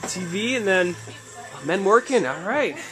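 A young adult man films a handheld vlog at arm's length, touring a house basement and then a snowy street at night while joking along the way. His high voice has lively intonation and an unhurried pace, his narration chatty and enthusiastic over music.

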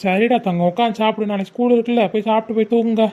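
A gentle, indulgent father in a home drama, played by a woman, talking quickly in a coaxing tone. The sound is dull and lo-fi. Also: fairly high pitch, steady tone, close to an everyday voice.

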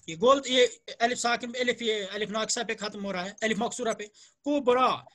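A man from Jammu and Kashmir, India, teaches Arabic grammar to students over a video call. His voice sits very high for a man, with a bright, forceful edge. He speaks slowly and patiently, repeating each word and praising his students as they answer. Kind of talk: online grammar lesson with students.

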